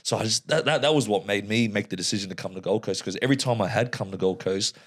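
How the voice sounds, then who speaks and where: Young Australian bloke, podcast guest, rapid-fire slangy chat, lowish voice. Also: male voice. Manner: slangy, animated storytelling with bursts of high voices. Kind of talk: casual chat.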